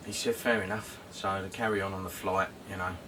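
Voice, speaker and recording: Bright-voiced southern English man, windy outdoor mic. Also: sits low, steady tone, fairly quick, recorded from a distance, poor audio. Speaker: co-host. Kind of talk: casual vlog chat.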